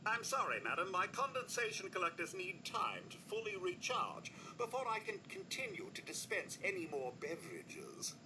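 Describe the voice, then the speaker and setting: A prim robot butler speaks in a high, bouncy, eager-to-please way. Every word is formal and courteous, as if bowing to the player. The game audio carries a clear layer of noise behind him. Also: male voice, very animated, moderate pace, hardly any pauses. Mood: polite formal. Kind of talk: video game character dialogue.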